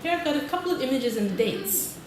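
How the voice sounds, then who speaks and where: A teacher trainer from Britain addresses a large conference hall in a high, expressive voice, speaking a little fast. Friendly throughout, she polls her audience and peppers her talk with "okay." Echo, distance from the mic and noise mark the recording.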